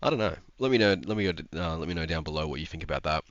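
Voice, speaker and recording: A young man with a rumbling low, expressive voice talks fast and casually to the camera about sim racing, rambling with plenty of ums and restarts. He's stuffed up from a cold, and the recording is muffled with no echo.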